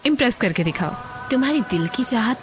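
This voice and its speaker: A woman's voice: fairly high pitch, animated, a little fast, natural voice. An actress dubbing a playful, coaxing young woman. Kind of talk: Hindi film dub. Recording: film dub over loud music.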